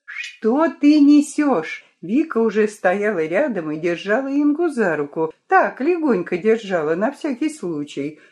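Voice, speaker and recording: Storybook narrator: woman, animated and expressive delivery. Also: medium pitch, moderate pace, hardly any pauses.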